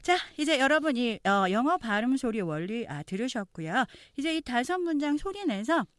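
A woman's voice: a little high, sing-song, fairly bright tone, no room sound, studio quality. A woman teaching English pronunciation in an online lesson. She explains each point step by step and coaches learners to repeat after her. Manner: slow, exaggerated model readings of English phrases.

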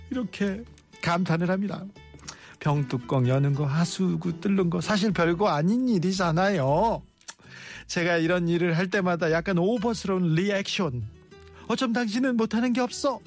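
A man hosting a radio show, reading listener messages aloud and cheering people on in a chatty way. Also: high-pitched. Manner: warm, chatty, reacts to listener stories with encouragement.

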